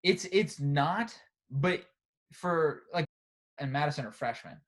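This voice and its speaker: This is a young man co-hosting a casual podcast, and his voice sits a little high for a man. He tells his stories in an animated rush and keeps checking in with "right?" and "bro". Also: slow. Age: young adult. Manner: animated storyteller, often adds "right?" and "bro". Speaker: podcast co-host. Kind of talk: casual chat.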